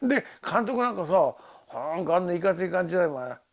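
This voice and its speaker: A husky older man talks in a slightly tipsy, casual monologue about life as an actor. His pitch swings up and down a lot as he rambles. He laughs often and mimics the people in his stories. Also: very animated, quick pace. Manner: rambling storytelling with laughs and quoted voices. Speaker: actor recalling a film shoot.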